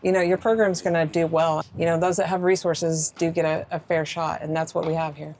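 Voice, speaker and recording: Lower-voiced female softball coach. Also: level tone, brisk, a little hiss or hum. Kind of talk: casual explanation.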